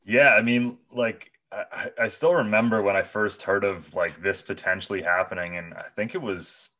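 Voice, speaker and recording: A man talking casually about soccer on a podcast, full of "like" and quick laughs. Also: on the low side, fairly even intonation, bright, forceful tone. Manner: filler-heavy, laughs often. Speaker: podcast co-host. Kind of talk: casual sports chat.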